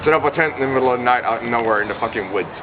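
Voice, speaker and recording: A man's voice: mid-range voice, rapid-fire, over a noisy crowd. A young man in his twenties with a Swedish accent, a punk band member chatting casually and rambling with plenty of swearing while he smokes outdoors at night. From Sweden. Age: 20s. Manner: rambling and heavily profane, smoking while talking. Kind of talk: casual interview chat. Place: outdoors at night by a street venue. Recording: tinny lo-fi recording with loud street noise.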